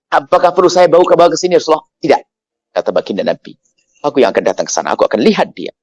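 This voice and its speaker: A man preaching in a storytelling sermon, acting out the dialogue of the people in his story. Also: dry recording. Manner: animated storytelling, acting out dialogue with pitch jumps.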